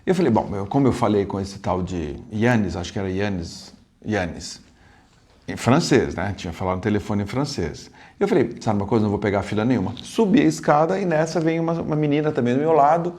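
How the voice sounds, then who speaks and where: Animated Brazilian man telling a travel story. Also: fairly quick. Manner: animated, jumps in pitch and loudness, many asides and restarts. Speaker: travel vlogger. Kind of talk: casual storytelling.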